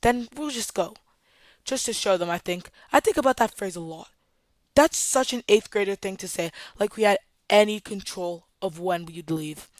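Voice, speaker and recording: A woman's voice: medium pitch, moderate pace, dry recording. A woman telling a story in a storytime vlog, in a dramatic, chatty way that speaks straight to viewers. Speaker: storytime vlogger.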